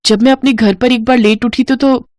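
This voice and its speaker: A woman's voice: on the high side, fairly even intonation, normal speed, darkish tone, no echo, studio quality, pitched above the performer's own voice, lightly acted. A woman voicing a timid young bride in a storybook, speaking in a pleading, fearful way. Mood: earnest.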